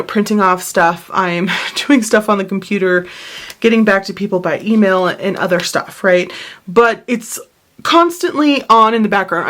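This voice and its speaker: A woman's voice: medium pitch, a bit bright. A tired, short-of-breath woman chatting casually at home in a planner vlog, rambling and apologizing as she drifts off topic. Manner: rambling, apologetic, easily sidetracked. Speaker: planner vlogger.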